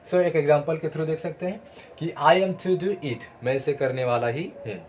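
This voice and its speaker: A man's voice: fairly high pitch, normal speed, darkish tone, a little hiss or hum. Man teaching grammar, asking questions. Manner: asks questions then answers them himself. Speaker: English teacher. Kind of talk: explaining grammar to students.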